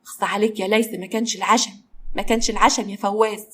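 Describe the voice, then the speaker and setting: A woman's voice: mid-range voice, steady tone, very fast, a bit bright, a little hiss or hum, natural voice. A woman voicing a worn-out, theatrical young female office worker who complains dramatically, with an Egyptian accent. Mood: complaining.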